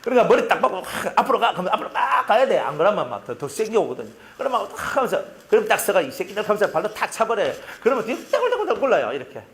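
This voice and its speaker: A male pastor with a Gyeongsang Korean accent preaching a sermon, telling stories in an animated way and using lots of sound effects. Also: sits high, racing, few pauses.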